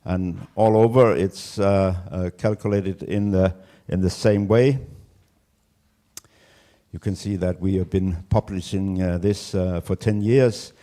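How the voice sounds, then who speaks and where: A man's voice: sits low, fairly even intonation, slow pace, warm tone. A man from Denmark, a farmer giving a conference presentation in a hesitant way, with many fillers and restarts. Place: conference room.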